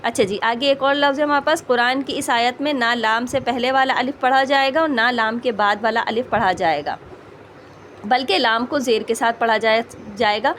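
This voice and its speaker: A woman's voice: a little high, fairly bright tone, slight background noise. Patient woman teaching Quran recitation. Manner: patient, repeats "ٹھیک ہے؟" checks, slows to model sounds. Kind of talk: explanatory tajweed lesson.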